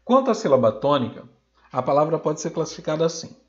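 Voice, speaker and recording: A man's voice: a little high, very animated, highs cut off. Didactic Brazilian Portuguese male teacher. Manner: didactic, stretches out example words slowly and loudly. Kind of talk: recorded grammar lesson.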